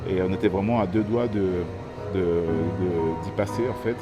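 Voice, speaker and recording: A man in his thirties from French Guiana gives a personal testimony, thoughtful and pausing often as he searches for words. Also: sits low, over loud music. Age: 30s. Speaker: interviewee.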